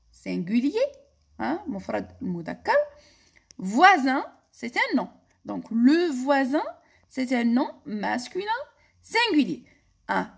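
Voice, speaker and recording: A high-pitched woman with an Algerian accent leads a classroom-style grammar lesson. Her voice rises and falls in lively swings as she teaches, and she dictates example words slowly, saying each one more than once. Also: gravelly, husky. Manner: slow, deliberate dictation of example words, repeating them. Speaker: French teacher.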